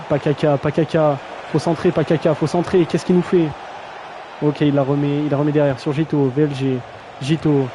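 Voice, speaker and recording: A man's voice: on the high side, noisy background. A young man casually commentating a video game match on a live stream, slangy and self-mocking, often stumbling over player names.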